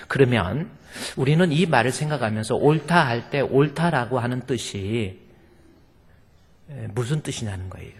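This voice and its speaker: A man preaches to his congregation in a church sanctuary, the long reverb trailing each line. His mid-range voice has a slight roughness, and his delivery is emphatic, built on rhetorical questions.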